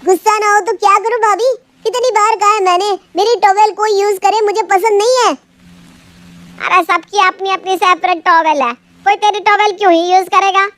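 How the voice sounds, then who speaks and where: A woman voicing a touchy young brother-in-law who complains loudly and quickly loses his temper. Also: very high-pitched, steady tone, no room sound, pitched above the performer's own voice. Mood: angry.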